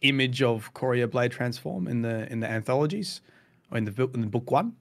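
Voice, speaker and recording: A man's voice: medium pitch, lively intonation, brisk, gravelly. A man co-hosting a casual podcast, laughing often as he retells game lore with playful quoted voices. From outside the US. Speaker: podcast co-host.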